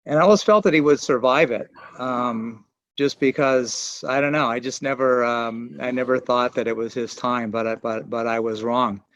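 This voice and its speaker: Over dull, lo-fi video call audio, a man in his sixties gives a memorial tribute as an archaeology and geography professor. His medium-pitched, fairly bright voice keeps an even intonation on a dry recording, yet he halts and searches for words, restarting sentences often.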